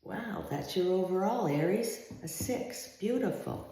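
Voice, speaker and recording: A woman's voice: medium pitch, animated, a little slow, dark tone. A woman giving a chatty, encouraging tarot reading in an empty room that echoes heavily. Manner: chatty, encouraging, repeats herself. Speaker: tarot reader.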